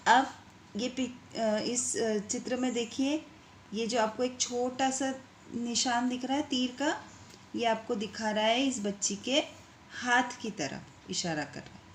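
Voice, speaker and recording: A woman teacher giving a lesson to young children. She talks patiently and stretches words into slow syllables so they can repeat them. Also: on the high side, echoey room, a little hiss or hum. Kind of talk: online class lesson.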